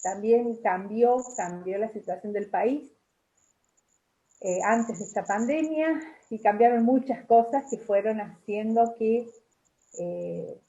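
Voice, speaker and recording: A woman's voice: on the high side, takes it slowly, mellow. A woman author, talking about her books on a video call, hesitant with fillers. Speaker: author guest. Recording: dull lo-fi call audio.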